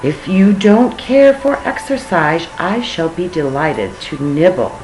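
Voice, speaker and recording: A woman's voice: lowish voice, lively intonation, slow pace, a little mellow, reverberant, faint music behind, poor audio. A woman voicing a vain, self-important male tiger in a storybook, smug and slyly polite.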